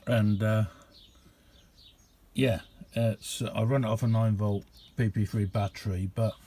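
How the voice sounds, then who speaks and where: Speaking slowly and casually with frequent pauses, a low, mellow-voiced man presents a homemade receiver. The hands-on vlog is shot in an indoor hobby radio room, and his tone stays steady.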